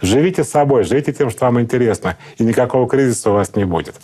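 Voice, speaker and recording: A middle-aged man, a psychotherapist, calmly explaining in an interview in a lecturing manner. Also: medium pitch, fast, slightly rough. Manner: calm, lecturing, acts out example speakers. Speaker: psychotherapist guest.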